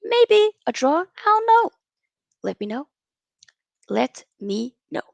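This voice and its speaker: Young woman from Norway, livestream host, chatty and animated, slightly high voice with vocal fry. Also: slow, no room sound, dull audio. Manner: animated and chatty, reads out viewer comments. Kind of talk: casual live-stream chat with viewers.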